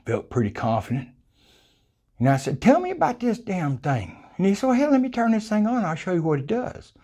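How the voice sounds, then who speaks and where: A mid-range, mellow, husky voice belongs to an older South Texas man telling a hunting story. His storytelling is casual, folksy and colorful, and he acts out the quoted voices. A lapel mic in a small room picked him up.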